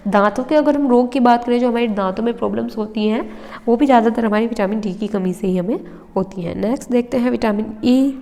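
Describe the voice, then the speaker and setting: A woman's voice: fairly high pitch, dark tone. A young woman teaching an exam-prep lesson, explaining step by step and checking in with her listeners, with a slight cough now and then. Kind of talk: exam-prep lesson over handwritten notes. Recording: roomy with long reverb.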